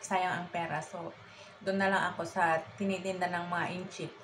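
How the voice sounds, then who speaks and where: A woman's voice: on the low side, flat delivery, moderate pace. A woman with a Filipino accent chats casually to viewers on her eating show, chewing as she talks. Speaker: vlogger eating on camera. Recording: clearly noisy room recording.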